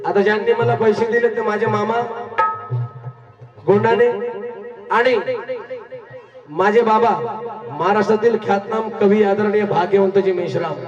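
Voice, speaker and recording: A very high-voiced man leads a live crowd, commanding and rousing them between half-sung lines. He is heard from a distance in an echoey space, over loud music. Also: steady tone, moderate pace, pauses often, dull audio. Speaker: singer leading a live stage program. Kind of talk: live stage song and crowd call-outs. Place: large live event with crowd.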